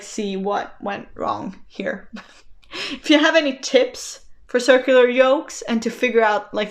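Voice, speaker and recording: Woman, thirties, casual knitting vlog chat, laughs a lot, mid pitch. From Sweden. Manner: chatty, laughs often, self-deprecating. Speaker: knitting vlogger.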